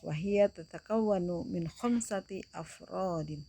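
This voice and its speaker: A woman's voice: lowish voice, a little slow, creaky, mellow. A woman teacher voicing a schoolboy answering questions about his family, reading a textbook dialogue aloud.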